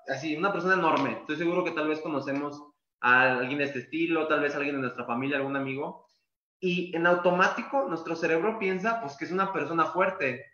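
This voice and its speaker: A calisthenics coach gives a masterclass explanation in a loose, casual style, filled with "pues" and repeated words. His voice is on the high side with a sharp tone, and the recording sounds echoey, dull, and lo-fi.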